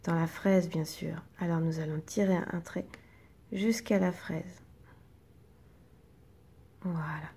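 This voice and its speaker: A woman teacher, slowly and patiently guiding young children through reading exercises and sounding out each syllable. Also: on the low side, fairly even intonation, mellow, breathy edge.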